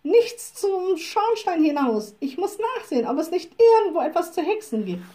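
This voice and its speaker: A woman reading a storybook, voicing a lively, kind little witch who speaks eagerly. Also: high voice, unhurried. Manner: eager, spirited. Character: lively young girl witch, plucky and kind.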